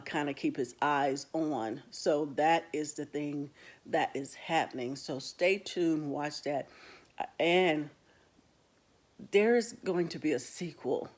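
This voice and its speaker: A book club host giving a casual, rambling talk straight to the viewers and retelling stories along the way. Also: mid-range voice. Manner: chatty, talks straight to viewers as "guys".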